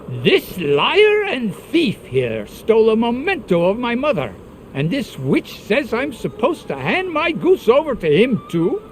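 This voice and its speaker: A man's voice: slight background noise, exaggerated voice. A man voicing an angry peasant in a video game, accusing and indignant in a neighbors' quarrel. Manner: indignant, accusing, swinging pitch.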